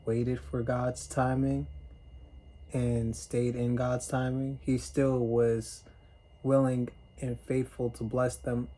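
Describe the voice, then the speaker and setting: A man casually retelling a Bible story as a sermon, in plain everyday speech and clearing his throat now and then. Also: medium pitch, little pitch movement, takes it slowly, dark tone, poor audio. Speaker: preacher.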